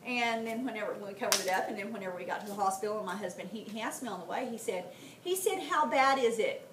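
A woman's voice: mid-range voice, fast talker. A middle-aged woman, teaching a classroom history lesson and telling stories, often checking in with the students. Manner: animated storytelling, frequent "okay?" check-ins with students. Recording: roomy, from a distance, faint background noise.

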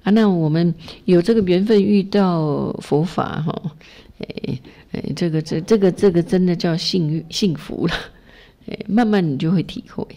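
A middle-aged woman from Taiwan, an English teacher leading a Buddhist study class, coaches her students casually, modeling pronunciation in a chatty, encouraging way full of fillers. Her voice is lowish, warm, and moderately paced.

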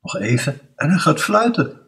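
A man voicing a quick, defiant schoolboy with a dry, cutting way of talking. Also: a little high, big pitch swings, fairly bright tone, distant mic, pitched above the performer's own voice.

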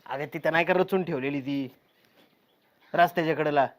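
A man's voice: on the high side, a little fast, lightly acted. An actor playing a bossy village husband who nags and barks repeated orders at his wife. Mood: nagging. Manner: nagging, barking orders, repeats words. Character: bossy scolding village husband, middle-aged. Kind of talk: village short-film acting.

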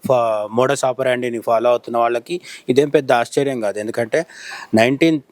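An Indian journalist appears as a commentator, talking through the news informally and rephrasing often as he explains. The recording is dry, and his mid-range voice is fairly quick and a little mellow.

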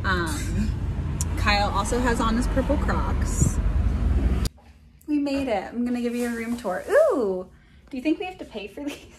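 A woman's voice: a little high, big pitch swings, normal speed, long pauses. A young woman talking casually and cheerfully into a handheld camera while traveling, with lots of fillers. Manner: chatty, upbeat, filler-heavy. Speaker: vlogger. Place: car and outdoors, on the move. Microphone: handheld camera or phone. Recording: noisy handheld recording, car noise.

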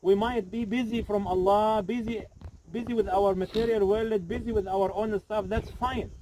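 At a cemetery graveside, a middle-aged imam preaches an earnest outdoor sermon to a crowd standing around him, repeating phrases and posing rhetorical questions. His voice is high with fairly even intonation at a normal speed. The poor audio, picked up by a camera a few metres away, carries crowd noise.

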